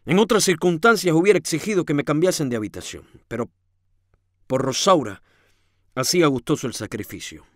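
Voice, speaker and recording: Male reader, high lively voice, dramatic novel reading, dry close sound. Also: a little fast, no echo. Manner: theatrical, swings from hushed to shouting. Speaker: audiobook reader.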